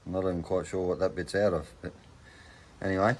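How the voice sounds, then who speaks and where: A man's voice: low voice, steady tone, a little fast, slight background noise. A man with a broad Australian accent giving laconic, slangy, off-the-cuff commentary in a casual workshop vlog. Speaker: hobby car restorer presenting progress videos.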